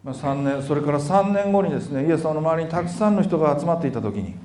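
A man interpreting a sermon sentence by sentence, talking quickly with filler words and reading scripture passages. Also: a little high, expressive, darkish tone, roomy sound.

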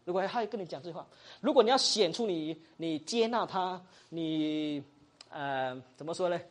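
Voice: mid-range voice, lively intonation, moderate pace. A teacher giving a Bible study lesson, mixing in English words, often asking the class questions and tagging sentences with little particles. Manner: acts out example dialogues.

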